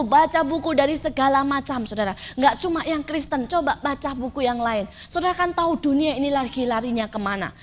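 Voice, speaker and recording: A middle-aged woman preacher telling a story in a sermon, often turning to her listeners directly. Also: a little high. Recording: faint background noise.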